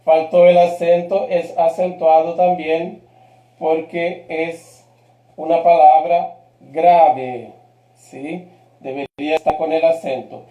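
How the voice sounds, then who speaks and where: A man's voice: a little high, flat delivery, slow, reverberant, lo-fi sound. A man teaching a live grammar lesson, patient and checking in often with his class. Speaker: Spanish teacher.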